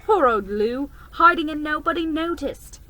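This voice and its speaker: A woman's voice: high voice, expressive, normal speed, bright, forceful tone, voice pushed up. A woman voicing a good-natured eldest boy in a storybook reading. The boy speaks in a teasing, patronizing way.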